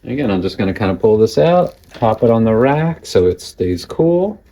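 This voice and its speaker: A man's voice: fairly low pitch, sing-song, normal speed, dark tone, reverberant, far from the mic, low-quality recording. A man hosting a home cooking vlog, chatty and self-critical, talking between bites as he cooks and tastes. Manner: chatty, self-critical, talks while eating. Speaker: home cooking channel host. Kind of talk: casual cooking vlog with tasting.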